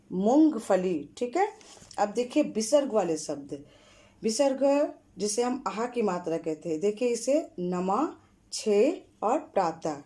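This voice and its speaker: A woman teacher giving an online lesson to children, pronouncing words slowly and carefully and reading short rhymes aloud twice. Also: medium pitch, warm tone. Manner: slow, careful word-by-word pronunciation for children; reads rhymes aloud twice in a sing-song way. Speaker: school Hindi teacher.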